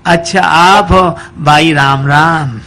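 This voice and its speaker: A man's voice: fairly high pitch, steady tone, takes it slowly, sharp tone, a little hiss or hum, exaggerated voice. A male preacher voicing an elderly village mother-in-law who fusses and scolds her daughter-in-law. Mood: apologetic. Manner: fussing, then politely apologetic.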